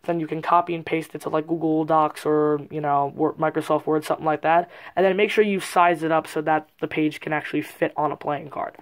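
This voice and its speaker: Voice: medium pitch, flat delivery, brisk, few pauses. A presenter giving an informal, explanatory step-by-step card trick tutorial in a casual way. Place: indoors at a card table.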